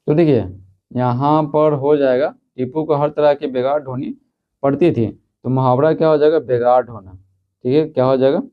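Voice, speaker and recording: A man teaching a school lesson, reading textbook questions and answers, then repeating them slowly with frequent check-ins. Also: mid-range voice. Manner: repeats answers, fills with "theek hai". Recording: slightly dull lo-fi recording.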